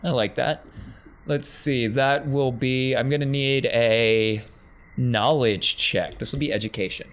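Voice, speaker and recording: Narrating and refereeing a tabletop role-playing game with a theatrical touch, a man serves as game master. His mid-range voice is fairly bright and a little slow, with faint background noise in the recording.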